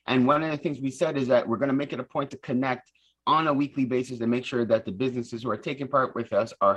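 A man's voice: mid-range voice, sharp tone, rough recording. A man hosting community radio in a welcoming way, repeating phrases for emphasis. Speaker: radio show host.

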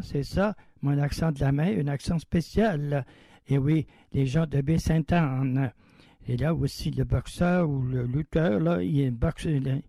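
Dark-voiced man hosting radio. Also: fairly high pitch, no echo, poor audio. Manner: chatty, reads a news item then comments loosely. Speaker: radio host. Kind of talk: casual radio presenting.

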